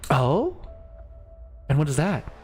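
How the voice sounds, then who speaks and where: A game master voicing Betsy, an excitable female creature in a tabletop game, with a high, chirpy, bouncing voice. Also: takes it slowly, soft background music. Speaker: non-player character.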